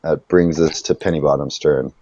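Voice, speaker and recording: A man narrating a tabletop game as game master, casual and quick to exclaim at bad rolls. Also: a bass voice, fairly even intonation, dark tone, highs cut off, a little hiss or hum.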